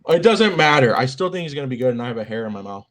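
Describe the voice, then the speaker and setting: A young man co-hosting a casual sports podcast, joking and filling pauses with lots of ums. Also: mid-range voice, big pitch swings, a crowd in the background. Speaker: podcast co-host.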